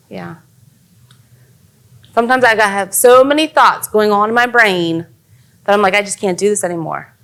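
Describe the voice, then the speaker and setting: A woman's voice: mid-range voice, a bit bright. A young adult woman giving a casual, earnest youth sermon as a youth pastor.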